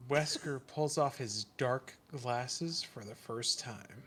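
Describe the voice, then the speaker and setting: A man's voice: mid-range voice, takes it slowly, fairly bright tone, husky. A man casually reading stage directions aloud during a stream, with chuckling asides. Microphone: home streaming mic.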